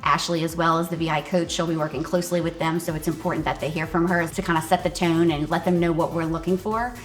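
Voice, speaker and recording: A woman narrates a fitness competition show in a matter-of-fact, explanatory voice-over. Her voice sits fairly low. Soft music plays under her. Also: flat delivery, quick pace.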